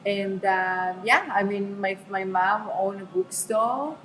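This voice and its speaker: A woman's voice: medium pitch, steady tone, takes it slowly, slight background noise, low-quality recording. A woman in her thirties from Israel, chatting casually as an interview guest with many fillers and restarts. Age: 30s.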